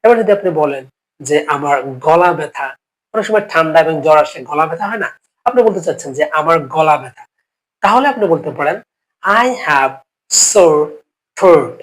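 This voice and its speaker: A man's voice: fairly high pitch, rough recording. A male English teacher who is sick with a cough, giving a spoken English lesson step by step, repeating each phrase and checking in with the learners often.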